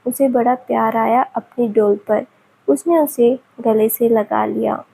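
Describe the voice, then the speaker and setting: A woman narrating a romance story in a gentle, emotive reading. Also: on the high side, steady tone, takes it slowly, gravelly, breathy edge, low-quality recording.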